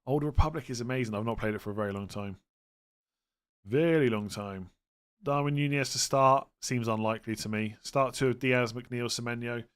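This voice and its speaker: A man's voice: mid-range voice, moderate pace, clear, resonant tone. A man with a West Country English accent chatting informally on a livestream, reading out questions and answering them in a matter-of-fact way. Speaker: fantasy football livestream host. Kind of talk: casual livestream chat answering viewer questions.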